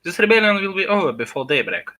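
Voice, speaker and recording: A man voicing a brisk military colonel pony for an audio fanfic. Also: high-pitched, big pitch swings, bright, forceful tone, voice pushed up, heavily acted. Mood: commanding.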